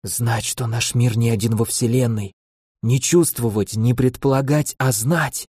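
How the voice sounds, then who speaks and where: A man voicing a wounded young female seer, speaking softly and solemnly. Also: medium pitch, fairly even intonation, a little slow, husky, no echo, studio quality.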